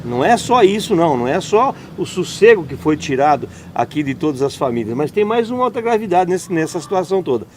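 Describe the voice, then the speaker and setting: Hosting a conversational interview, this man sums up answers with summarizing remarks and poses leading questions. He talks quickly with hardly any pauses, in a fairly high, sing-song voice, and there's slight background noise.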